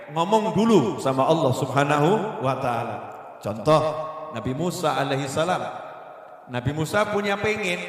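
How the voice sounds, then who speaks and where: A man preaching a sermon in a lively, repetitive way, often breaking off mid-word before finishing it. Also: on the high side. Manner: animated, repeats words, breaks off mid-word. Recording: echoey hall with long reverb.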